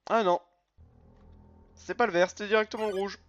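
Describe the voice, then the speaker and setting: A man giving animated, chatty let's-play commentary with quick outbursts of frustration, over a dull recording with faint game music. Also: high-pitched. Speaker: gaming youtuber.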